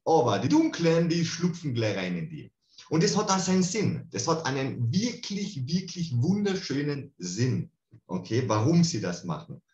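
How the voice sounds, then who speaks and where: A man's voice: medium pitch, moderate pace. A man gives an online lecture on spiritual healing, talking animatedly and casually and often checking in with "okay?". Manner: animated, colloquial, keeps asking "okay?". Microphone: video call. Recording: roomy, dull video-call audio.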